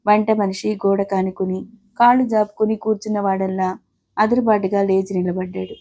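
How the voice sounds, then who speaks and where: A woman's voice: medium pitch, flat delivery, moderate pace, mellow. A middle-aged woman reading a family story aloud, voicing the characters' lines in her own voice. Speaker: story narrator. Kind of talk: scripted storytelling narration.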